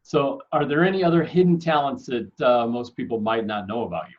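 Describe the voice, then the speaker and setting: A man's voice: medium pitch, brisk, highs cut off. A young man hosting a casual interview for kids, friendly and upbeat with joking asides. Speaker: host, school staff member.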